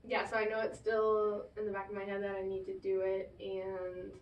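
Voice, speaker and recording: A woman's voice: medium pitch, monotone, moderate pace. A woman talking through her own feelings as the client in a counseling session. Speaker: client in a therapy role play. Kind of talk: casual spoken reflection in a counseling session. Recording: echoey, distant, muffled, faint noise.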